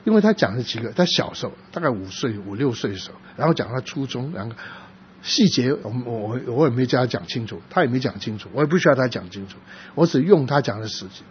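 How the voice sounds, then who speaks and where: A man preaches a sermon, recounting a prayer session in a soft, halting voice that keeps restarting its phrases. His pitch sits in the ordinary middle range. The recording is dull and lo-fi, with a faint hiss underneath. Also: lively intonation. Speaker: pastor. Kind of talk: sermon testimony.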